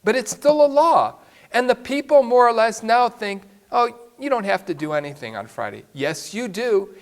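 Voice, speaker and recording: A man, a priest, telling a story in a sermon with an emphatic way of speaking. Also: high-pitched.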